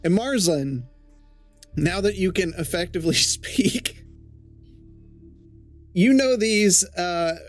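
A high-pitched man runs a tabletop adventure as its game master. He narrates in a loose, chuckling way, with soft music playing faintly underneath. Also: lively intonation, takes it slowly, pauses often.

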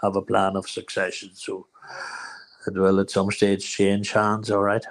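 A man in his seventies from Ireland, with a Northern Irish accent, speaks in a low, completely flat, unhurried voice. He's an interview guest and charity founder, chatting casually and plainly, and he often repeats his phrases.

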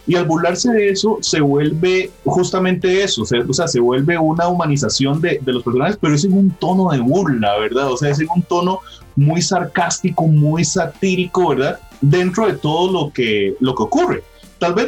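A man's voice: on the high side, slightly rough. A man hosting a casual pop-culture chat, explaining at length with frequent tag questions and fillers. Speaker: podcast host.

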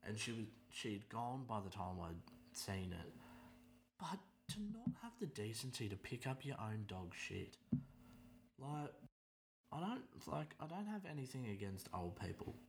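Deep-voiced Australian man, exasperated. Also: sing-song, normal speed, creaky, slight background noise. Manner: exasperated, sarcastic, swears freely. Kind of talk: casual storytime rant.

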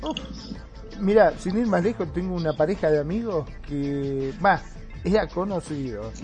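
A man with a Rioplatense Spanish accent, chatting casually as co-host and telling a story in a lively way. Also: a little high, normal speed, faint music behind. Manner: animated storyteller, acts out quoted shouts. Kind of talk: casual chat.

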